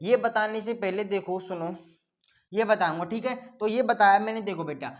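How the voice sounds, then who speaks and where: A man's voice: sits high, normal speed. A man teaching an online lesson who says each point several times and answers for his own students, calling them "beta". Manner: repeats points in call-and-response; calls listeners "beta".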